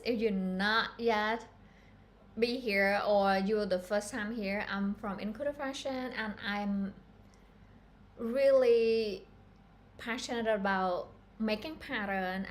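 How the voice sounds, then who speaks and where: A woman from Cambodia, giving a chatty, earnest live-stream tutorial on pattern making and talking straight to her viewers. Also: medium pitch. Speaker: fashion pattern-making instructor.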